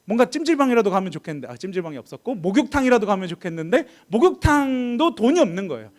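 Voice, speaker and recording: A young man preaching a sermon in a church service, telling a personal story and acting out the people in it, swinging between shouts and whispers. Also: sits high, very animated, quick pace.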